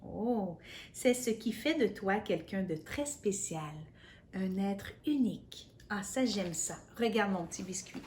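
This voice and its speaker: A woman reads a children's picture book very slowly, taking her time over each phrase. She talks gently and coaxingly to the little listener, with faint noise in the background. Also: mid-range voice, expressive. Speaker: children's storyteller.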